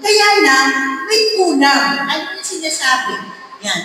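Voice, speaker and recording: A middle-aged Filipino woman giving a lively personal talk to a church group, teasing and asking the audience questions. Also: sits high, unhurried. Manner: mixes in English words, teasing, asks the audience questions. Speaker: speaker at a marriage encounter gathering. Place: parish hall. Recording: echoey hall, from far off, faint background noise.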